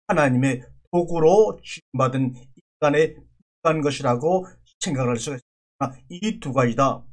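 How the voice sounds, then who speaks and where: A man's voice: fairly high pitch, a bit bright. A male pastor preaching a sermon, explaining scripture word by word in an earnest, teaching manner and often repeating himself. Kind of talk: sermon on biblical words.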